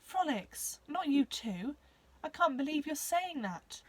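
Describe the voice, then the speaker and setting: An anxious young male hero pours out his worries with earnest force, as a woman plays him. The voice sits well above a storyteller's usual pitch and carries loud and bright. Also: very animated, slow pace, heavily acted.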